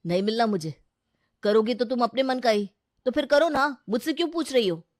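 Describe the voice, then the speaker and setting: A woman voicing a sulky, resigned young man in a cartoon who talks in a flat, sullen way. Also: fairly high pitch, a little fast, dry recording, clean studio sound, lightly acted.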